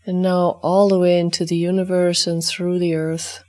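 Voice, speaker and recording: Calm woman guiding an energy exercise. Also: lowish voice, normal speed. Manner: calm, repetitive incantation-like clearing phrases. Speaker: energy healing teacher. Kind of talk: guided energy exercise for dog owners.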